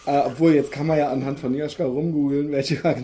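A man's voice: on the high side, fairly even intonation, a little fast, dark tone. A man casually telling a long rambling anecdote, acting out quoted lines as he goes. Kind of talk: casual chat.

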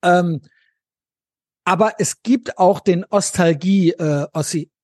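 High-voiced chatty West German man. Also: slow, darkish tone, no echo, clean studio sound. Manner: chatty, slangy, keeps adding tag questions. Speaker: podcast co-host. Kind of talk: casual political chat.

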